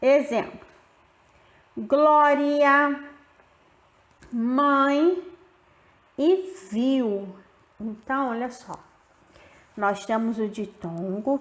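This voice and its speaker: A woman gives a grammar lesson in a high, clear voice. She talks slowly and stretches out the example words. The room around her rings with echo. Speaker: teacher. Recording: roomy echo.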